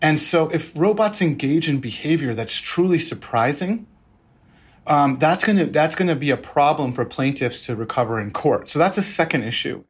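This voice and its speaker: A man's voice: on the high side, expressive, normal speed, breathy edge. A man speaking as an expert guest in a conversational interview, explaining informally and acting out bits of quoted dialogue.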